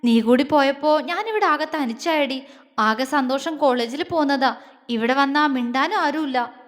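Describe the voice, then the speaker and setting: A playful, cheeky young woman, voiced by a female narrator, throws out quick teasing retorts. The voice sits high and rings with a long hall reverb. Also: animated, bright, forceful tone. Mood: tearful.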